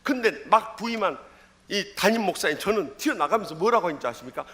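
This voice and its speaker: A middle-aged male pastor from Jeolla with a Jeolla accent, preaching a sermon in an animated storytelling manner, swinging between loud calls and low asides in a church. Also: fast talker. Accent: Jeolla Korean. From Jeolla, South Korea. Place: church sanctuary.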